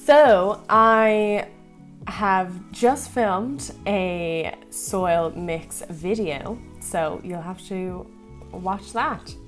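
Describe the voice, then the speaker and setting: A young Irish plant vlogger whose accent has a slight American tinge rambles through viewer questions while repotting. Her medium-pitched voice is very slow, full of fillers and light laughs, and faint music plays behind her.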